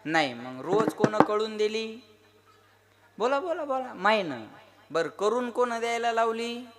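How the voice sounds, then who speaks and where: A man's voice: high-pitched, sing-song, measured pace, very noisy. A man with a Marathwada Marathi accent preaching a devotional kirtan sermon, firing rhetorical questions and prodding the crowd to answer.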